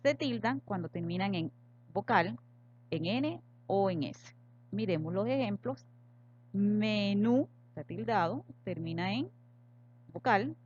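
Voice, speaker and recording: A woman teacher giving a recorded grammar lesson, patiently spelling out example words slowly and with stress. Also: mid-range voice, lively intonation, a little mellow. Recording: slightly dull lo-fi audio with faint hum.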